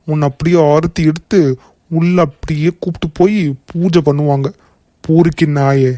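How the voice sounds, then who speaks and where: A performer voicing a protective young male hero in a cartoon, stern with enemies and gentle with the woman he protects. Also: medium pitch, fairly even intonation, moderate pace, no room sound, lightly acted. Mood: scornful. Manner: stern threatening, then gentle and soothing. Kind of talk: cartoon voice acting.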